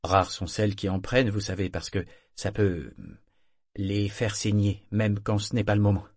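A man voicing a tender, soft-spoken male lover in a low, hushed murmur. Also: little pitch movement, normal speed, no room sound, studio quality, close to an everyday voice. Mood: earnest.

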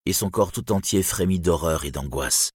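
A man narrating an epic tale in an audiobook with solemn, measured storytelling. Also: low-pitched, a little mellow, husky, dry recording, studio quality. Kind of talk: audiobook reading.

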